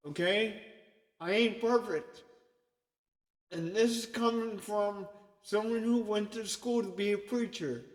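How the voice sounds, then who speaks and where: A high-pitched man with a fairly bright tone preaches an informal sermon to an online group, keeping it conversational and checking in often with "okay?". The recording has a long, echoey reverb.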